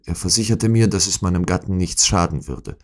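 A man's voice: low-pitched, steady tone, a little fast, natural voice. A man voicing a distraught young noblewoman who pleads for help, in an audiobook reading. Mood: confessing. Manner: pleading, breathless, emotional.

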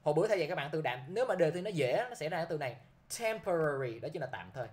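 A man's voice: on the high side, big pitch swings, very fast, darkish tone. A man teaching English vocabulary to a class, who keeps checking with his students by repeating a short prompt.

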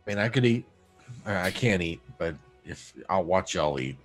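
A man's voice: deep voice, expressive, moderate pace, faint music behind. A man chatting casually in character as a tabletop game player.

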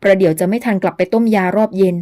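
An earnest, worried young male herbal doctor in an audio novel speaks in a measured, gently pleading way, voiced by a woman narrator. His voice is mellow and warm. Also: medium pitch, close to an everyday voice.

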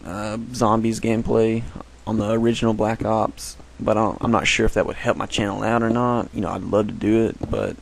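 A man's voice: on the low side, flat delivery, fairly quick, gravelly, low-quality recording. A man giving casual, rambling commentary while playing a game, often correcting himself. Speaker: gameplay commentator.

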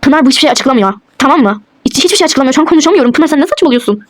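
Frantic young husband played by a woman in a toy role-play: high, racing delivery, disbelieving questions. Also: lively intonation, very fast, a little hiss or hum. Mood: distraught.

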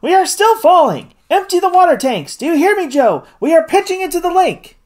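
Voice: mid-range voice, moderate pace, close to an everyday voice. A reader voicing a Victorian doctor who commands a balloon, calling out orders. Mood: alarmed shouting. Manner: shouted commands.

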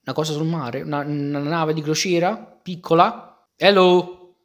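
A young man gives casual commentary while he plays a Minecraft game. He is excitable and keeps exclaiming to his viewers. His voice sits a little higher than most men's. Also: moderate pace. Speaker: gaming youtuber.

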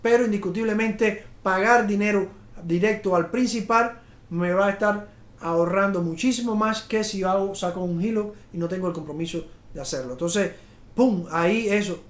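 A man's voice: high voice, normal speed. A middle-aged man hosting a live talk on home finance, rambling with restarts and fillers in an upbeat sales tone. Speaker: realtor and show host. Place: studio in front of a slide screen. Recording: echoey studio room.

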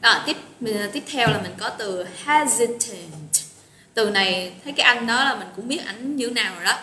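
A woman's voice: a little high, expressive, moderate pace, bright, forceful tone. A woman teaching an English vocabulary lesson online, chatty and encouraging, greeting students by name. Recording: roomy echo with faint noise.

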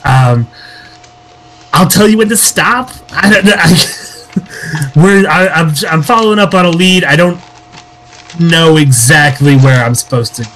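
A man's voice: on the high side, expressive, measured pace, long pauses, a bit bright. A man playing a tabletop game, talking in a hesitant, laughing way. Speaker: player.

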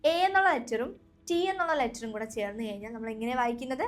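A woman's voice: fairly high pitch, animated, fast. A young woman with a Malayali accent teaching an English lesson, patiently repeating each sound and quizzing her listeners. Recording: faint background music.

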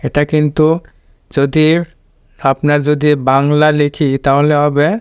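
Man drilling English syllables, flat even voice. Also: fairly high pitch, smooth, dry recording. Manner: slow, repeats and drills words syllable by syllable. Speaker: English pronunciation teacher. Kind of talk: explaining a pronunciation lesson.

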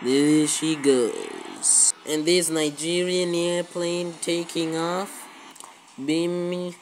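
Drawing out her words in a medium-pitched voice, a woman offers casual commentary on gameplay for her videos and repeats words and phrases a lot. The poor audio comes from a handheld phone aimed at a screen, an amateur recording with faint background noise.

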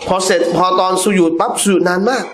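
A man teaching a religious class, telling stories in an animated way and laughing often. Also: sits high, fast. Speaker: Islamic teacher.

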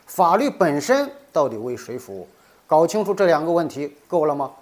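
A man's voice: fairly high pitch, sing-song, normal speed. A middle-aged man hosting a legal commentary, delivering a scripted monologue with indignant rhetorical questions.

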